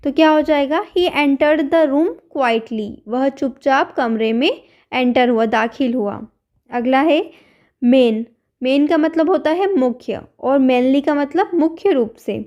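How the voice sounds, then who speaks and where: A woman's voice: sits high, unhurried, lo-fi sound. A woman teacher explaining English words and grammar in Hindi, patiently repeating each word and then giving its meaning.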